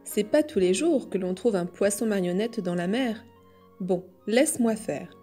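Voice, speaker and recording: A woman's voice: medium pitch, unhurried, mellow, soft background music, natural voice. A woman voicing a cruel, greedy fisherman who mocks his catch, in a storybook reading. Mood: mocking.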